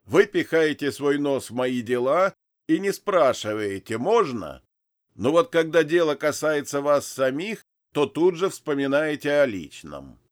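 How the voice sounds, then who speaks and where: A man's voice: fairly high pitch, sing-song, a little slow, pitched above the performer's own voice. A man voicing a sly, mocking male demon boss who buys souls, sneering and gloating as he talks. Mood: cold. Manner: gloating, sneering, laughs cruelly.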